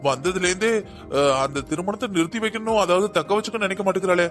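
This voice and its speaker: A high, quick male voice for a man playing a cocky young cartoon policeman who argues every point. He presses his case in a hurried, insistent way over light music. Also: fairly bright tone. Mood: arguing. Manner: boastful, argumentative. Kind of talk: cartoon dubbing.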